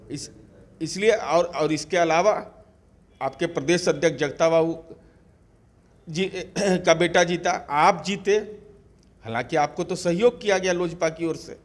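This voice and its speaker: Forceful man firing rhetorical questions. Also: a little high. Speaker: party spokesperson. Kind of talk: combative political interview answers.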